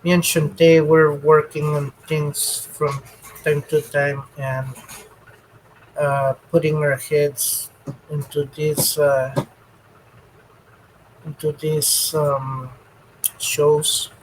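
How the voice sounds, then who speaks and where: A man co-hosts a casual podcast at an unhurried, halting pace, leaning on ums and restarts. His voice sits a little high for a man. Faint ambient noise hangs behind him. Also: little pitch movement, rough recording. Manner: slow, halting, many ums, switches into Spanish to repeat points. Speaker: podcast co-host. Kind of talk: casual bilingual podcast chat.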